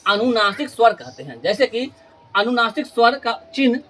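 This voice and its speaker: A man teaches a grammar lesson to a room of students. He works in call-and-response, asking each question and answering it himself more than once. He slows down and stretches the important terms so they stand out. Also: extremely high pitch, sing-song, fairly bright tone. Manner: stretches key terms slowly for emphasis. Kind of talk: classroom lesson.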